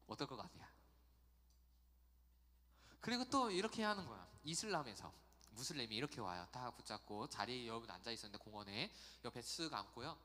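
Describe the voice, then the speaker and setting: Male youth pastor, animated storyteller, bright voice, church hall reverb. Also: mid-range voice, a little fast. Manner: chatty, animated storytelling with acted quotes. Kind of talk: youth sermon. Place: church sanctuary.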